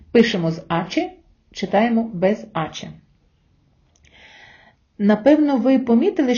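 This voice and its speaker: Female language teacher, warm mellow tone, patient explainer, slightly lo-fi recording. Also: medium pitch. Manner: clear, patient explaining with rhetorical questions. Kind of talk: scripted lesson narration. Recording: slightly dull lo-fi sound.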